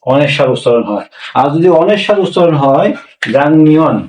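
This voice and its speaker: A man teaching a language class, asking rhetorical questions and slowly repeating words for learners. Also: fairly high pitch, expressive, a little mellow. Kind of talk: classroom-style language lesson. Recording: echoey room, voice a bit far from mic.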